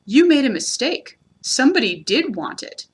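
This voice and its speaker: A humble little storybook bear voiced by a woman, dreamy and a bit slow on the uptake. He speaks simply and earnestly, with some hesitation, in a fairly high voice. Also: big pitch swings, slightly rough, heavily acted. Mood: solemn. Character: humble, dreamy, slow-witted male bear who loves honey.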